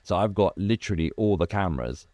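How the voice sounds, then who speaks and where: A man's voice: deep voice, fast talker, no room sound. A man who grew up in Iraq, a business founder talking in a casual interview and acting out old conversations as he goes. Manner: animated storyteller, acts out quoted dialogue, many restarts. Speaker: car detailing business founder, guest.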